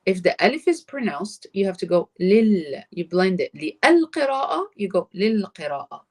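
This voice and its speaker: A woman's voice: fairly low pitch, lively intonation, slow, darkish tone. A woman teaching a live online Arabic class, explaining grammar patiently and switching between English and Arabic. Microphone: computer mic on a live stream.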